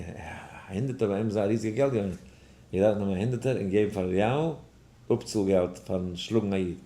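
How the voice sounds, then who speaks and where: A man with a fairly low voice teaches a daily study class as a rabbi. He tells a personal story in an animated way, with lively storytelling. The recording has a roomy echo. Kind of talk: lesson with a told personal story.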